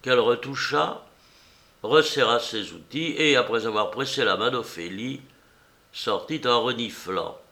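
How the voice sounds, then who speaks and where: Slow, gravelly male storyteller. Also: mid-range voice. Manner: measured, steady storytelling. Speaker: narrator. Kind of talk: audiobook reading.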